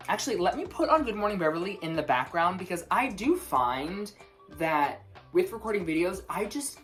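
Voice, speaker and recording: Young woman, low voice, slight lisp, nervous rambling vlogger with quiet music in the background. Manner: rushed, rambling, self-interrupting, stutters. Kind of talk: casual chat to camera. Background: faint music.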